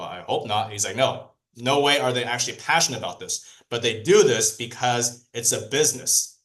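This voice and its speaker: A sales trainer whose first language is Cantonese gives a lively training talk to a group in a mid-range voice. He asks them questions and repeats the key points.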